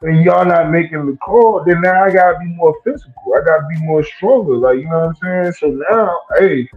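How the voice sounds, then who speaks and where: A man on a thin, phone-like line talks basketball in a relaxed, conversational way. His voice sits a little high, and he keeps checking that he is understood. Soft music plays behind him. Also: a little fast. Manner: relaxed, conversational, keeps asking "you know what I'm saying". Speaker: co-host, former player. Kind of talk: casual sports talk.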